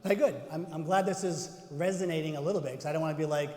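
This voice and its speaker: A man with a Boston accent giving an animated conference presentation, asking the audience questions as he goes. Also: on the high side, rapid-fire. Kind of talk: interactive presentation to educators. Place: conference room. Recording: echoey hall, roomy reverb.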